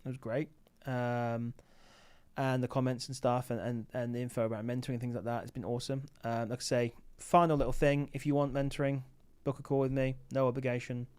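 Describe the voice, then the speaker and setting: A man's voice: mid-range voice, level tone, brisk, a little mellow, clear, resonant tone. A man hosting a late-night livestream, chatting casually and thinking aloud with many fillers, sounding tired. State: tired, sleepy. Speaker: livestream host, Amazon seller.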